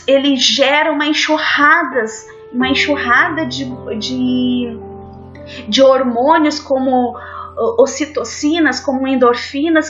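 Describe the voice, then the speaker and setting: A woman's voice: sits high, fairly bright tone. A woman giving an earnest spiritist devotional talk, addressing her listeners as friends. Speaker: spiritist lecturer. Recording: dull lo-fi audio with faint music.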